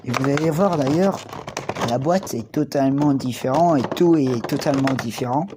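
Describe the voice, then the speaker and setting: A man's voice: mid-range voice, moderate pace, noisy background. A male YouTuber casually presenting collectible figures, rambling and drifting off topic with many restarts. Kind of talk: casual unboxing vlog.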